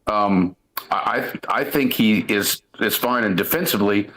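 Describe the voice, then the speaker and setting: A man's voice: lowish voice, unhurried, fairly bright tone, low-quality recording. Middle-aged oklahoma guy, ex coach, chatting hoops, rambles and restarts a lot. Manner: rambling, storytelling, frequent restarts and "listen". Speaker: sports talk show co-host, former coach. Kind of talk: casual sports talk.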